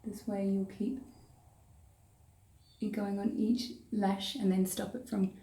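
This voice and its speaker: A woman's voice: mid-range voice, slow pace, distant mic. A woman with a New Zealand accent, chatting her way casually through a step-by-step makeup tutorial as she works. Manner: chatty, relaxed, talks while working. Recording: roomy echo, voice off-mic.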